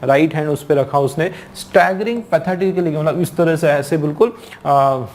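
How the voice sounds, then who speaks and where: A male teacher giving an exam-prep lecture. He reads English lines slowly, then explains them in lively Hindi and acts out the story with exclamations. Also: on the high side, a little hiss or hum.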